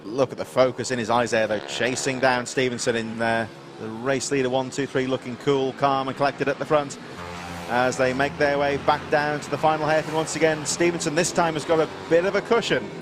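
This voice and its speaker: Reeling off riders and the running order, a man commentates live on a motorsport race in a medium-pitched, level voice at a slightly quick pace. The noisy trackside audio is full of vehicle and outdoor sounds.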